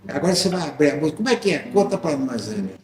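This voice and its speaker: An older Brazilian man hosting an interview, speaking slowly and deliberately. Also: fairly high pitch, sing-song. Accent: Brazilian Portuguese. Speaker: TV host. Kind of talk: interview conversation. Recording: roomy studio with faint hum.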